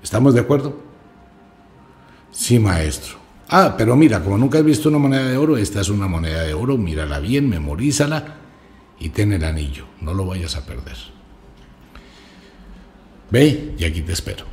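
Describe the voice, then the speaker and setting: A man's voice: lowish voice, big pitch swings, moderate pace, long pauses, a little mellow, a little hiss or hum. A man voicing a grumpy, aggressive little old male magician in a told story. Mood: insistent. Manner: gruff, snapping, scatterbrained.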